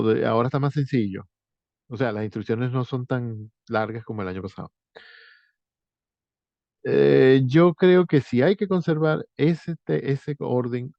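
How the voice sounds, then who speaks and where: A man teacher walking students through a writing exercise, thinking aloud with frequent pauses and restarts. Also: medium pitch, vocal fry, no room sound, muffled recording.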